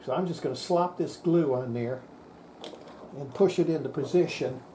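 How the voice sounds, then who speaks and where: A man on the high side in pitch demonstrates radio equipment at a moderate pace, with background noise in the recording. His hands-on technical explanation is informal and folksy, plain-spoken, and he thinks aloud as he works.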